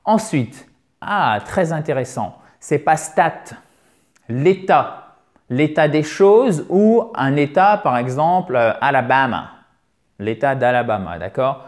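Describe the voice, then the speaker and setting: A man teaches English pronunciation online at a slow pace, his medium-pitched voice full of lively intonation. He stretches vowels playfully as demonstrations and frequently checks in with the people listening.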